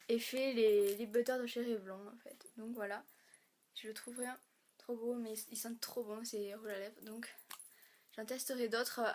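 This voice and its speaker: A young woman from France with a lilt, talking through a makeup haul in a chatty, stop-start way. Her voice sits a touch high and is fraying, as if she is losing it, with the odd throat clear. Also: a little hiss or hum. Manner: chatty, halting, many fillers and restarts. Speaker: beauty vlogger. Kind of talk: casual haul vlog.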